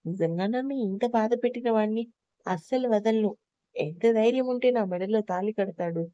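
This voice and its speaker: A woman voicing a tearful, angry young newlywed in an audio story, with sharp, indignant complaining, on a slightly dull lo-fi recording. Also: medium pitch, moderate pace, no echo, natural voice.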